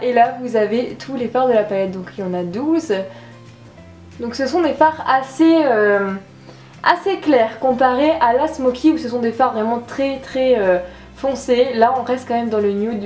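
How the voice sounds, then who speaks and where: A woman's voice: a little high, a little slow, a little mellow. A woman casually reviewing a makeup palette, chatty and enthusiastic with a self-deprecating streak. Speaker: beauty vlogger. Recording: echoey room with faint music.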